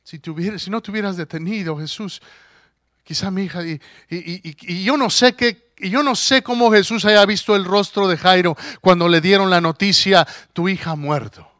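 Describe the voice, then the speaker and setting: A man preaching a sermon, telling the story with animated character voices and rising to emphatic declarations. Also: high-pitched, moderate pace, no echo, studio quality.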